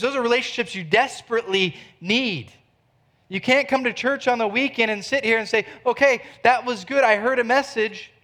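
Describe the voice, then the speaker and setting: Man, middle-aged, high-pitched voice, earnest conversational sermon, rhetorical questions, church. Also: sharp tone. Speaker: pastor.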